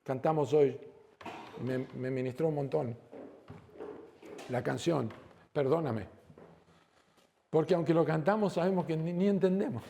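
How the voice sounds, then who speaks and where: Animated Argentine preacher, dark tone. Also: male voice, fairly high pitch, a little slow, creaky, long pauses, slight background noise. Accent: Rioplatense Spanish. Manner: animated preaching, acts out dialogue, rhetorical questions. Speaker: pastor. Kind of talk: sermon. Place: church.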